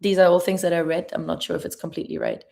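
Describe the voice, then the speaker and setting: A woman's voice: on the low side, little pitch movement, rapid-fire, gravelly, darkish tone. A young woman with a German accent, a travel vlogger answering chat questions on a live stream in a chatty, laughing, careful way.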